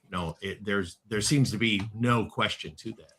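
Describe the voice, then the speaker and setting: A man's voice: on the low side, normal speed, a bit bright, slight background noise. A man in an online Bible study discussion on a video call, explaining and quoting scripture. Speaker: study participant.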